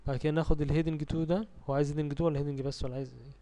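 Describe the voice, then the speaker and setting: A man with an Egyptian Arabic accent teaching a spreadsheet tutorial over a screen recording, reading English task steps slowly and asking himself questions as he clicks through. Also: on the high side, fairly even intonation, dark tone. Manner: asks and answers his own questions while clicking through steps; reads English task text slowly, then explains. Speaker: software tutor.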